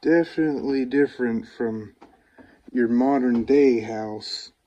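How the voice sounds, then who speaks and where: A young man narrating a casual exploring vlog walk-through in an unhurried, musing, plain-spoken way. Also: mid-range voice, mellow, lo-fi sound. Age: 20s or younger.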